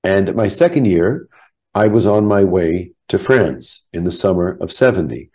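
A man in his seventies from Canada, a rabbi telling his life story in a measured, reflective way over a video call. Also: low voice, expressive, warm tone. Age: 70s. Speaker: guest, rabbi. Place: home office. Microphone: video call webcam.

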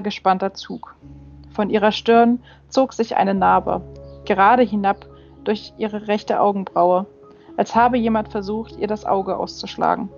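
A woman reads a fantasy audiobook in a steady, measured voice of middling pitch. The recording is slightly dull and muffled at the top. Faint music plays underneath. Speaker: audiobook reader. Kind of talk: audiobook narration.

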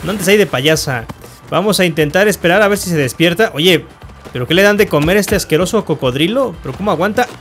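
A man's voice: sits high, lively intonation, fast talker, fairly bright tone, faint music behind. A man giving playful gameplay commentary, teasing and mock-insulting, often laughing and yelping. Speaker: gaming youtuber.

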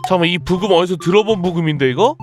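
A woman's voice: fairly low pitch, lively intonation, very fast, over music. A woman streaming a casual game, giving playful commentary and scolding the game pieces as if they were children.

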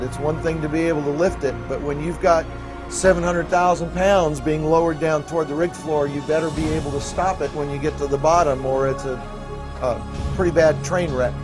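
A man's voice: on the high side, fairly even intonation, fairly quick, music in the background. A middle-aged man giving an informative technical explanation, as a drilling expert on a tour.

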